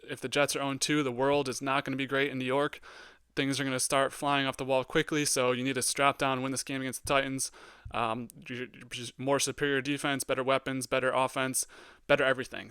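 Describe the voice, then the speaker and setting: A young man hosting a solo sports podcast, giving blunt hot takes with lots of ums and getting excitable. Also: medium pitch, smooth, dry recording. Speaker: podcast host.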